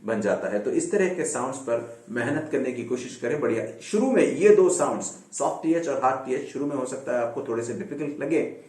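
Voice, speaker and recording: A man's voice: medium pitch, a little mellow, reverberant. A man teaching English pronunciation in a recorded lesson, explaining step by step and checking in with his listeners.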